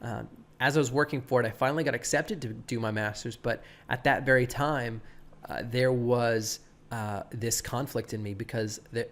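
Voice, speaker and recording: A man in his thirties, a pastor and guest, telling stories in an animated way, with a laid-back surfer-like voice, often acting out what people said. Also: medium pitch, moderate pace. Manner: animated, quotes people, many restarts. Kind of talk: casual storytelling interview.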